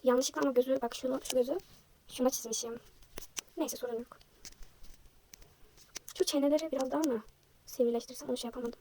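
A young woman vlogger chatting casually while she draws, self-deprecating and thinking aloud, her voice slightly hoarse from a sore throat. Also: high-pitched, fairly even intonation, fast, long pauses, dark tone, slight background noise. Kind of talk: casual chat while drawing.

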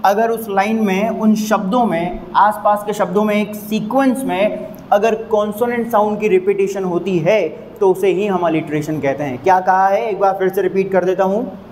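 In a poor-quality recording with slight background noise, a man with a Hindi accent teaches English literary terms. His high, somewhat mellow voice stays fairly even as he repeats points emphatically and slowly draws out example sounds for his students.

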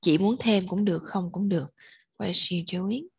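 A woman's voice: lowish voice, moderate pace, no room sound. A woman, giving patient, encouraging step-by-step explanations as an English tutor. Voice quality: husky, gravelly. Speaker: English teacher.

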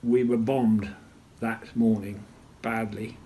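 An older man recalls events at a measured storytelling pace in an interview, often clearing his throat. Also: fairly low pitch, flat delivery, warm tone, slight background noise. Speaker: retired naval officer interviewee. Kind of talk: interview recollection.

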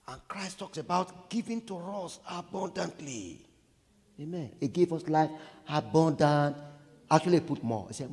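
A man from Nigeria with a Nigerian accent, preaching a sermon in call-and-response, swinging from hushed lines to shouts. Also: mid-range voice, long reverb tail.

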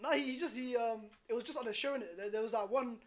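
A young man, co-hosting a podcast in animated, slangy casual chat, often repeating himself. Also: extremely high pitch, fast. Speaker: podcast co-host.

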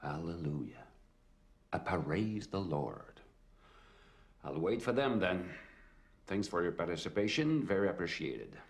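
A man's voice: deep voice, expressive, a little slow, pauses often. An actor playing a sardonic undercover cop with a Québécois accent, firing back at his questioner. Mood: defiant. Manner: sardonic, swears in French under pressure.

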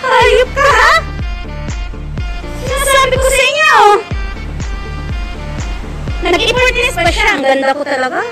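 A woman ranting sarcastically at someone, taunting and mocking, sometimes shouting. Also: extremely high pitch, a little slow, long pauses. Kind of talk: mocking rant. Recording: clip over loud music and crowd noise.

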